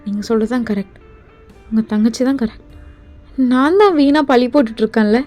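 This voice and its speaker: A woman's voice: on the high side, fairly quick, dark tone, soft background music, close to an everyday voice. A woman voicing an upset young girlfriend in a fan voice drama, with a hurt, defensive, pleading manner. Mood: bitter.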